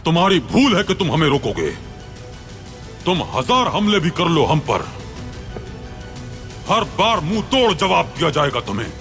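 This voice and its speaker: A man's voice: mid-range voice, sing-song, unhurried, over music. An actor dubbing a stern, proud Ottoman sultan who speaks in commanding, solemn oratory.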